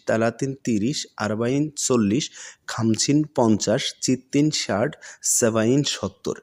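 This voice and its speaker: A man's voice: medium pitch, a little mellow. A man giving a video language lesson who keeps asking questions and answering them himself, repeating each step and slipping English words into his speech. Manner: repetitive, questions and answers his own prompts. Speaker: language teacher.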